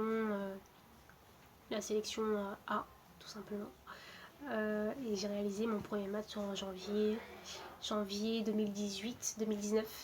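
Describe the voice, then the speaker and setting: A woman in her twenties, from Portugal, talks casually about herself as a footballer. Her delivery is hesitant and even, with little rise and fall and many filler sounds. A faint ambient hiss sits behind her. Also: medium pitch. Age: 20s. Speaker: footballer interviewed. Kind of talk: casual self-introduction to camera.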